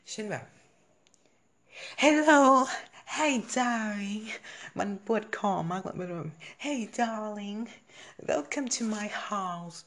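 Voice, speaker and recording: A teenage boy telling a story in a casual vlog, chatty, correcting himself and swearing casually. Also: medium pitch. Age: teens. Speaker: student storyteller.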